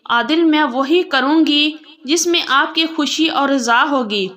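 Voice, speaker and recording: A woman's voice: high-pitched, a bit bright. A woman reading a shy young bride. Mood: tender.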